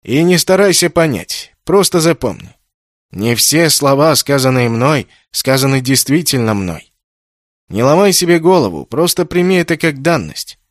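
A man's voice: mid-range voice, big pitch swings, moderate pace, no echo, natural voice. A man reading an audiobook voices a shapeshifting ageless being that speaks in teasing riddles, in a close, dry recording. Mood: riddling.

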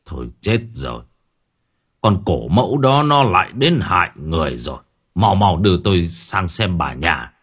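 A man voicing an old male village healer who speaks slowly and deliberately. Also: deep voice, sing-song, fairly bright tone, slightly rough, exaggerated voice. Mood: alarmed. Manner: slow, deliberate speech.

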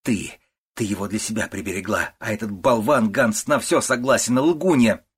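A man reading an audiobook, voicing a shrill, hysterical older woman who wails and accuses, in a husky voice. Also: normal speed. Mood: shrieking. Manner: wailing, shrieking, accusing.

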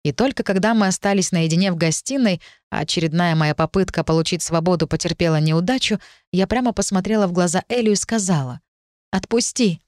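A woman reading a first-person novel as an audiobook narrator, steady and measured. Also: fairly low pitch, dry recording, clean studio sound.

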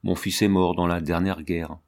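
Curt guarded old lady from a storybook, a man reading her lines, lowish voice. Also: flat delivery, normal speed. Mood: sombre. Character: stooped wary old woman landlady.

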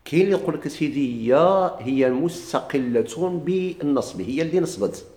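Fast-talking Moroccan grammar teacher. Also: male voice, a little high, expressive, darkish tone. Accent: Moroccan Arabic. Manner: asks questions and answers them himself. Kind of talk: classroom lecture. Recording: echoey room.

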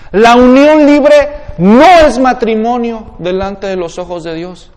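A man's voice: sits high, long reverb tail. A man with a Mexican accent preaching an expository sermon in a conversational way, often asking the congregation questions. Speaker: pastor.

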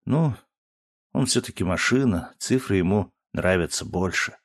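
A man's voice: sits low, animated, unhurried, exaggerated voice. A man voicing an easygoing woman spaceship pilot in an audiobook, speaking in a casual, familiar way. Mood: friendly, casual.

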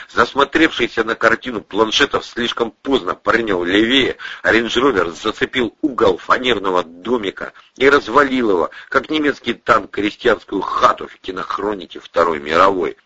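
Role: husky male audiobook narrator. Pitch: low. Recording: dull, dry. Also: no echo. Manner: expressive reader who voices every character.

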